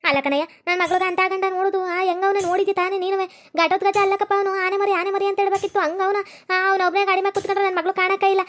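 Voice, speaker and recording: Very high-voiced North Karnataka woman. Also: level tone, racing, fairly bright tone. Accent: North Karnataka Kannada. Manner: rustic, scolding, complaining. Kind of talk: cartoon comedy voice acting.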